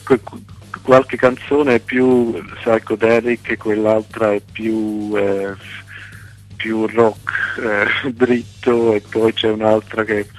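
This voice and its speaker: A man from Switzerland speaking non-native Italian with a foreign accent, halting and searching for words in a radio phone interview. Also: fairly low pitch, level tone. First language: not Italian. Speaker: band singer and guitarist being interviewed. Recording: phone call on radio, music behind.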